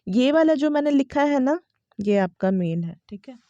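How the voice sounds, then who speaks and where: Young woman, pronunciation teacher, casual lesson, repeats words slowly, mixes Hindi and English, dry close sound. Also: high-pitched, lively intonation, dark tone, no echo, lo-fi sound.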